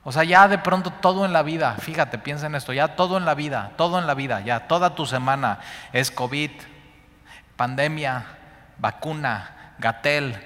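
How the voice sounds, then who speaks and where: A man with a Mexican accent preaching a sermon on a Bible passage, repeating words for emphasis and swinging between loud and hushed. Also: on the high side, moderate pace. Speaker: Bible teacher. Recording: long hall reverb.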